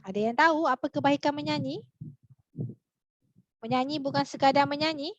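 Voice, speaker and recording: A woman's voice: sits high, steady tone, moderate pace, dry recording, muffled recording. A woman with a Malaysian accent, a reading teacher running a live online class, chatty, full of fillers, and often putting questions to her viewers.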